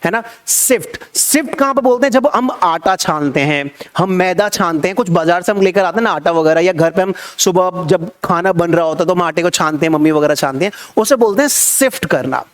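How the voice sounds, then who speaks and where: A man's voice: high voice, a little fast, hardly any pauses. A young man teaching English vocabulary in Hindi, repeating each word and quizzing his viewers as he goes. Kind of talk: Hindi-language vocabulary lesson.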